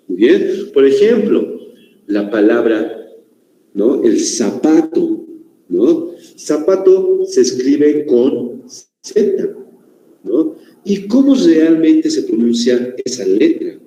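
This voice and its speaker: A man teaches a class, peppering his lecture with questions for his students. His voice sits low and sounds warm and dark. The room around him is echoey. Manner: questioning, checks in with listeners often.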